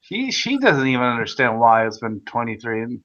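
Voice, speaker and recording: A man hosting a casual online video chat, talking loudly and excitably, with frequent swearing. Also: medium pitch, moderate pace, dull audio. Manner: loud, profane, excitable. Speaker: host.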